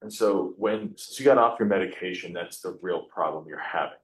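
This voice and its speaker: A man, apparently an attorney, questioning a defendant in court in a measured way, checking facts one by one. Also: sits low, a little hiss or hum, poor audio.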